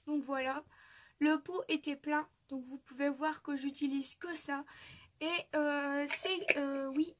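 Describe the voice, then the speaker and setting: A woman's voice: high-pitched, fairly bright tone. A young woman from France chatting through a craft tutorial, full of fillers and little restarts. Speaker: craft youtuber.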